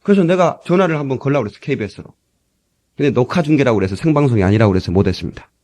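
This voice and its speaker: A man's voice: medium pitch, expressive, rapid-fire, darkish tone. A male pastor preaching a chatty, joking sermon, recorded in church on an old cassette tape. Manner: chatty, joking preacher who breaks into dialect recitations.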